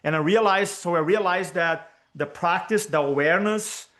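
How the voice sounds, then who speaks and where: A high-sitting, slightly bright male voice at a moderate pace belongs to a speaking coach from Brazil, guesting on a video call interview. He speaks Portuguese as his first language, has a Brazilian Portuguese accent, and talks energetically while repeating his key points for emphasis.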